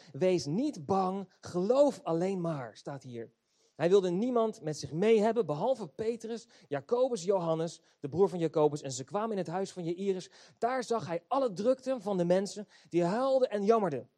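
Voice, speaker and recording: A man's voice: on the high side, mellow. A man preaching a sermon, reading scripture aloud and then urging the congregation on.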